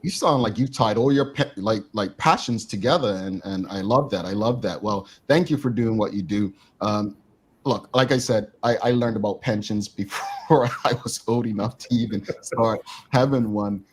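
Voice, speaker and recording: A man's voice: lowish voice, moderate pace, breathy edge. A man co-hosting a casual talk show, chatty and joking with his guest.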